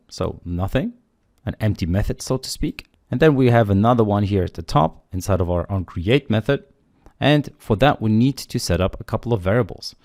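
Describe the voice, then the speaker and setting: Typing as he goes, a man explains each step of a screen-recorded coding tutorial, thinking out loud in a calm, explanatory tone. His voice is on the low side, and the recording is close and dry with barely any room sound.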